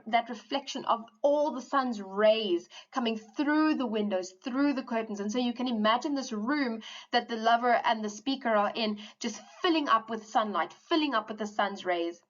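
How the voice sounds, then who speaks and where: A woman teacher giving a poetry lesson, explaining eagerly and slowing down to read quoted lines. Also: a little high, muffled recording. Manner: animated explaining, reads quoted lines slowly.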